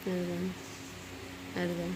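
A woman's voice: fairly low pitch, completely flat delivery, slow, background noise. A young woman, a new mother, talking casually to viewers at home at night, sounding weary and feverish from lack of sleep. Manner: tired, complaining, talking straight to viewers. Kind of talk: casual home vlog chat.

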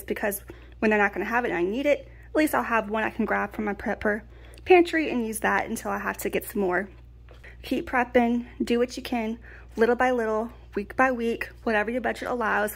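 A middle-aged woman from Louisiana talks through her grocery haul in a chatty, casual way. Her voice sits a little high, and she keeps checking in with the folks watching. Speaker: vlogger. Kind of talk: casual pantry haul chat.

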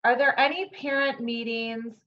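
A woman's voice: fairly high pitch, normal speed. A woman moderating a virtual town hall, reading audience questions aloud over a video call. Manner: plain, reads questions aloud. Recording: dull lo-fi call audio.

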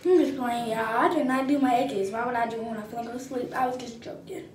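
A woman's voice: on the high side, steady tone, fast talker, darkish tone, echoey room, far from the mic, slight background noise. A young woman, chatting playfully and rambling while doing her hair for her vlog. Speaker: vlogger.

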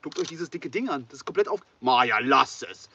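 A man's voice: medium pitch, expressive, brisk, bright, forceful tone, far from the mic. A man hosting an outdoor challenge in casual, exclamatory chat. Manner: exclamatory, reactive. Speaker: challenge host. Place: outdoors by a log cabin in woodland. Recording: muffled, noisy outdoor recording.

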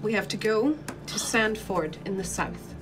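A woman's voice: mid-range voice, measured pace, over music, natural voice. A woman voicing a stern, guarded human ranger woman who leads a fantasy company in a tabletop game. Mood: guarded, firm.

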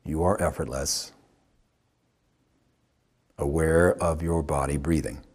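In a guided meditation, a male yoga teacher speaks with a husky voice at an extremely low pitch. He stays calm, using short, unhurried phrases separated by long silences.

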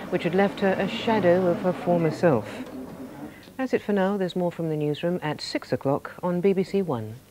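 A man reading a formal news bulletin in a measured, even manner, heard from a worn VHS tape copy. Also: fairly high pitch, noisy background. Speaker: newsreader.

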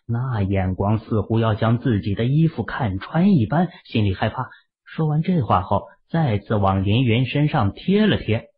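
With a husky, breathy mid-range voice, a male audiobook narrator tells the story at a normal speed, his intonation rising and falling expressively. His dramatic pacing comes through tinny, narrow audio that sounds like a phone line.

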